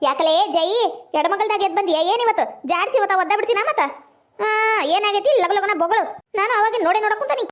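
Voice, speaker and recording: Shrill, very high-pitched and cutting, this is a quick-tempered village housewife with a North Karnataka accent, as a woman acts her out. She scolds and curses her slow neighbour in a comedy skit. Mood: impatient scolding. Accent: North Karnataka Kannada. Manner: scolding, impatient, cursing. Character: short-tempered village housewife, sharp-tongued.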